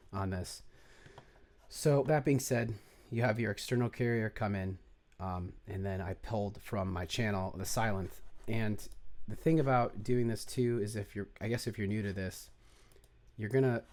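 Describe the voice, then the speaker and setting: A man with a fairly low voice talks through a music production tutorial in an offhand, unpolished way. He rambles, restarts sentences and mutters to himself while hunting for settings on screen. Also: darkish tone. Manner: rambling, self-correcting, mutters to himself while clicking around. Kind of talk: casual screen-share tutorial.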